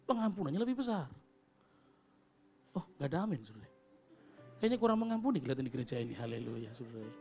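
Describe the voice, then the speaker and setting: A middle-aged man with an East Javanese accent preaching a sermon as pastor, playful and animated, slipping into slang and acted-out voices. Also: sits high. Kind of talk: lively sermon with acted-out stories. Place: church service.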